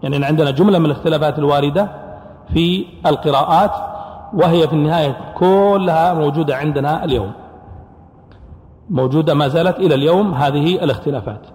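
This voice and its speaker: A man's voice: on the high side, fast talker, a little mellow. A man teaching as a scholar of Quran sciences in a classroom lecture, explaining points and posing questions he then answers himself. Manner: explanatory, asks and answers his own questions. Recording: echoey hall recording.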